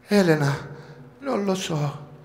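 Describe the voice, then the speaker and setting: A man's voice: lively intonation, takes it slowly, a little mellow, roomy sound. Man doing a faint trapped little girl. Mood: weak, frightened. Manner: faint, pleading, strained high voice. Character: frightened little girl trapped under rubble. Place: outdoor garden stage.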